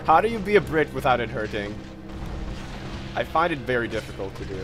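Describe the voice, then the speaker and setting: A man's voice: medium pitch, very animated, a little fast, faint music behind. A man commentating on his own gameplay in a casual, swearing, self-mocking way. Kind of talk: let's play commentary.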